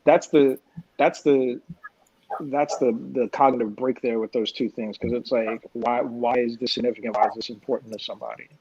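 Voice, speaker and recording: A man talking casually as a guest on a comics panel, relaxed and thoughtful, often repeating words as he starts a thought. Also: mid-range voice, normal speed, breathy edge, no echo. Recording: dull lo-fi livestream audio.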